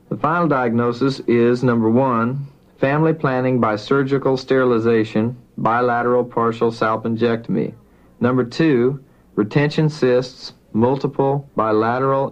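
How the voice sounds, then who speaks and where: A man, a physician, dictating a medical report for a typist in a formal, measured, item-by-item manner, as if into a dictaphone. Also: medium pitch. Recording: dull lo-fi dictation recording.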